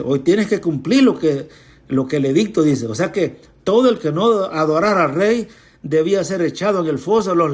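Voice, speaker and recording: A woman's voice: sits low, a little mellow. A woman teaches from scripture, reading a verse and then unpacking it in plain words. She repeats key points, corrects herself and turns to address her listeners directly. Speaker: Bible teacher.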